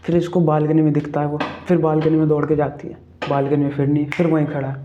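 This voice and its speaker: A man's voice: fairly high pitch, little pitch movement, fast talker, muffled recording, noisy background. A man casually retelling a ghost story, chatty, checking in with the listener and asking questions as he goes.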